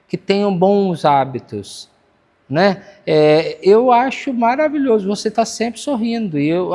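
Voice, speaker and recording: A man's voice: high voice, a little mellow. A man with a Brazilian accent preaching a sermon in a church, earnest and conversational, often checking in with his listeners. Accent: Brazilian Portuguese. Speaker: pastor. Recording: church hall with long reverb.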